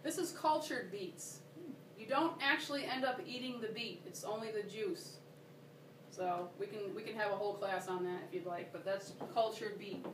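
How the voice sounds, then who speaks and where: At a moderate pace and in a mid-range voice, a workshop presenter demonstrates something with chatty enthusiasm, regularly checking in with her audience. Her talk was picked up distantly in a noisy, roomy workshop space.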